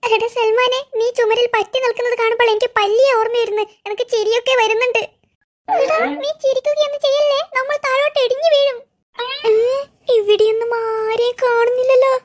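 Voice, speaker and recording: Squeaky, jittery cartoon kids. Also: fairly even intonation. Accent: Malayali. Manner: fast, squealing chatter with frightened wails. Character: squeaky young cartoon boys, jittery and scared. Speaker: cartoon voice artist. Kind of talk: cartoon voice acting.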